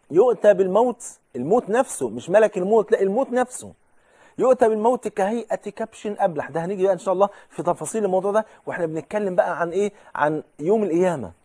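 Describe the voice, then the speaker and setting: Emphatic Egyptian preacher, high voice. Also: male voice, very fast. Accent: Egyptian Arabic. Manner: emphatic, swings from loud declaiming to hushed asides. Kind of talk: sermon on the afterlife.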